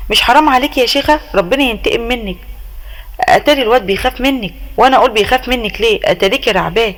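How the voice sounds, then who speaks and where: A woman's voice: on the high side, rapid-fire, a bit bright, lightly acted, low-quality recording. A woman voicing a nagging, indignant older mother-in-law who scolds and curses, in an Egyptian accent. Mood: scolding. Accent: Egyptian Arabic. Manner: scolding, exclaiming, cursing.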